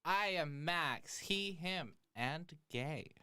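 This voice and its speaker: A man co-hosting a casual livestream show, joking around in a slow, drawn-out way. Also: on the high side, lively intonation, bright, forceful tone, smooth. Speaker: co-host.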